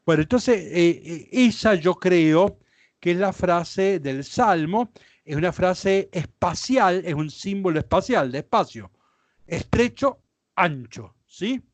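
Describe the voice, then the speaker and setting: Casting: Rioplatense priest leading a Bible class, high animated voice, slow patient delivery, dry close sound. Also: male voice, dry recording. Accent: Rioplatense Spanish. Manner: explanatory, frequent checks like ¿sí? and ¿ven?.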